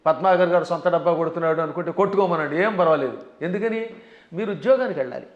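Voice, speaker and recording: High-voiced emphatic scholar. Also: male voice. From South India. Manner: emphatic, lecturing, chants mantras slowly. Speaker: Vedic scholar guest. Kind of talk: devotional interview talk. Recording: dull sound in an echoey room.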